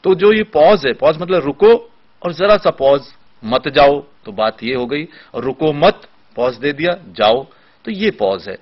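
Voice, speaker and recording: A man's voice: a little high, animated. Teacherly man in a dull lo-fi studio. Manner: teacherly, gives spoken examples with deliberate pauses. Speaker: radio expert guest. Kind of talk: explanatory studio discussion. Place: television studio. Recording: dull lo-fi broadcast audio.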